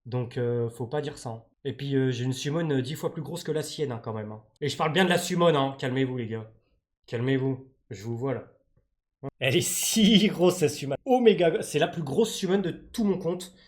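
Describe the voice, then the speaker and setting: A man's voice: medium pitch, brisk, darkish tone. A man from France streaming a game live, chatting with his viewers in slangy, joking banter. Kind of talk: live-stream gaming commentary.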